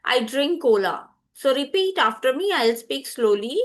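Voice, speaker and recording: A woman teaching vocabulary, repeating each word slowly and clearly for learners. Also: high-pitched, expressive. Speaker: language teacher. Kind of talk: slow, deliberate vocabulary lesson.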